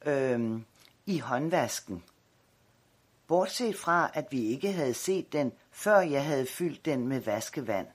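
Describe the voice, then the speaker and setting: A man voicing a lively young girl in a read-aloud story, eager and chattering, with a husky voice. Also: mid-range voice.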